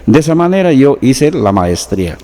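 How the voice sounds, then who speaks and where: A man's voice: mid-range voice, big pitch swings, normal speed, dark tone, long reverb tail. A man from the Peruvian Amazon with a Peruvian Amazonian Spanish accent, a researcher being interviewed, explaining patiently with examples. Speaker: guest, researcher.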